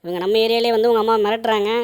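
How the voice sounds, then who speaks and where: A woman's voice: a little high, fairly even intonation, very fast, clear, resonant tone, close to an everyday voice. A woman voicing a mischievous little boy in a doll play, bragging about his prank. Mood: scheming. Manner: playful, gleeful, bragging.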